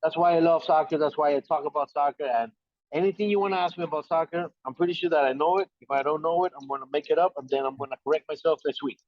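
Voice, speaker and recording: A man with an Ecuadorian Spanish accent talks about soccer over a video call. His voice sits a little high, and it comes through a dull, lo-fi line. The sound is dry and close, with no room around it. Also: fairly even intonation, fast talker, no room sound. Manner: repeats words, friendly and self-assured. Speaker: soccer correspondent guest. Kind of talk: casual podcast chat.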